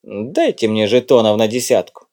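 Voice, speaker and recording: A man reading an audiobook, voicing a brisk, curt undercover agent. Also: fairly low pitch, sing-song, a little mellow. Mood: bantering. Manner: brisk, clipped, occasionally snappish. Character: cool, curt male undercover agent in his prime.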